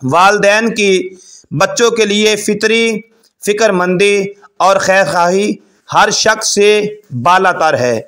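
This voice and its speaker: Male advice presenter, high-pitched, formal and measured scripted read. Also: fairly bright tone. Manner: measured, formal delivery in short phrases.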